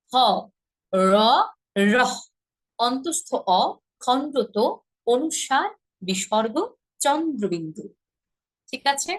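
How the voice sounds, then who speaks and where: A woman teaching pronunciation in a class, her voice sitting a little high. She sounds out each syllable slowly and repeats it. She often stops to quiz the people listening. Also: low-quality recording. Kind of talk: online class lesson.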